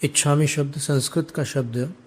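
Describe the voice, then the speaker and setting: A man, a monk, chanting prayers in a drawn-out way and then explaining scripture in a calm teaching sermon. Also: fairly high pitch, slightly rough. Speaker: Jain monk giving a discourse.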